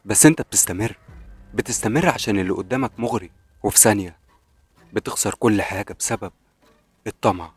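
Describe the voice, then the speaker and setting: A man's voice: on the low side, quick pace, long pauses. A man with an Egyptian accent narrating a scripted horror story in the first person, in a brooding, dramatic way. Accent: Egyptian Arabic.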